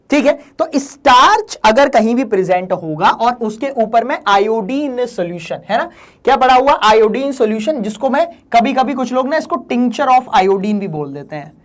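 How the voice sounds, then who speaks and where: A male teacher giving an exam-prep lesson in a joking, teasing way. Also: very high-pitched. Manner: joking, playful, teasing students. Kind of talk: exam-prep lesson in Hindi-English mix.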